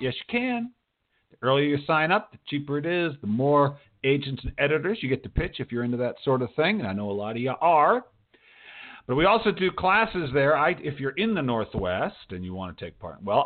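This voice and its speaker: An American radio host and writing teacher opens his show and interviews a guest with a lively, swinging, informal delivery at medium pitch. He throws in emphatic asides and repeats his own phrases. The sound is narrow and tinny, like a phone line.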